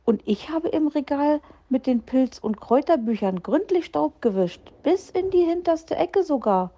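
Woman doing a high chattering bunny child. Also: animated, normal speed, mellow, lo-fi sound. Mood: eager. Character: eager proud little hare child.

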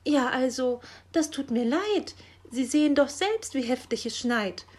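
A woman's voice: high voice, expressive, unhurried, darkish tone, pitched above the performer's own voice. A woman voicing a nosy, whiny female magpie in a children's story, complaining and defending herself. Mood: whining. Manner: whining, defensive.

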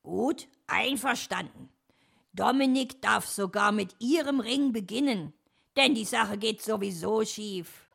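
A woman's voice: medium pitch, lively intonation, slow pace, vocal fry, a bit bright, husky, voice pushed up, heavily acted. A woman voicing a sly male fox in a storybook, scheming and pleased with his own plans.

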